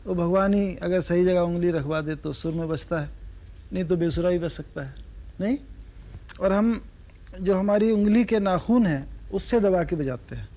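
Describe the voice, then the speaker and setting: A man's voice: sits high, normal speed, warm tone. A man from North India giving a sarod lecture-demonstration, questioning his students and singing out sargam syllables. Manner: asks the audience questions, sings sargam syllables. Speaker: sarod teacher.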